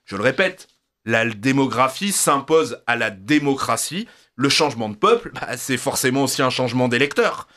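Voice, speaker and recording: A man's voice: medium pitch, animated, normal speed, pushed and bright. A man delivering a prepared political radio column in an emphatic, rhetorical, declarative manner.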